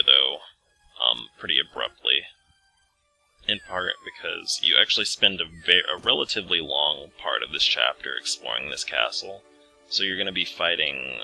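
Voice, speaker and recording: A man's voice: a bass voice, gravelly, pushed and bright, rough recording. A man hosting a let's play with casual, rambling, self-deprecating game commentary.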